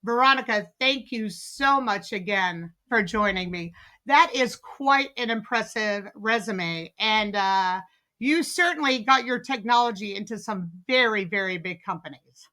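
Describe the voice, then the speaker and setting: Female podcast host, bright tone, eager and chatty with lots of "uh"s. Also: medium pitch, unhurried. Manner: enthusiastic, many fillers and restarts. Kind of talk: podcast interview.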